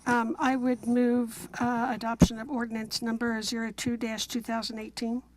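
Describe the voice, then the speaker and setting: A woman's voice: fairly high pitch, level tone, moderate pace, rough recording. A woman city council member formally presenting motions and explanations at a meeting in a businesslike, procedural manner.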